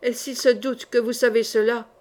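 A tormented, half-mad mother, read by a woman with a fairly high voice. She speaks in broken, halting outbursts, circling back on her own words. It sounds like an audiobook recording. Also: flat delivery, darkish tone, close to an everyday voice. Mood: urgent.

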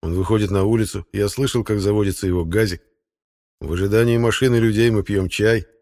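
A man reading a first-person novel aloud as an audiobook narrator, in a steady, matter-of-fact storytelling manner. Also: lowish voice, fairly quick.

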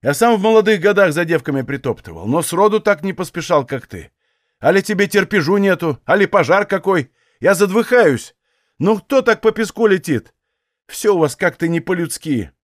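A man's voice: high voice, lively intonation, normal speed, dry recording, studio quality, voice pushed up. A man doing a grumbling old Cossack. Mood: complaining. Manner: rough folksy grumbling.

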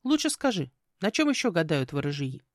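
A woman voicing a sharp-tongued young witch heroine with quick, sarcastic retorts in a fantasy audiobook. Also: sits low, very animated, no room sound, studio quality. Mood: sardonic.

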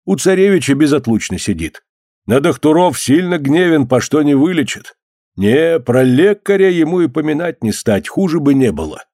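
A man's voice: on the high side, big pitch swings, moderate pace, mellow, no room sound. Man doing sly old priest, oily pious talk, voice swoops around, dry sound. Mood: sermonizing. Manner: unctuous, pious, sermonizing.

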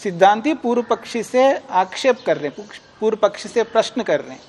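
A man teaching a class on a classical philosophy text. He reads Sanskrit lines slowly, explains them in plain terms, and asks the class questions that he then answers himself. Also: sits high, animated, darkish tone, slight background noise.

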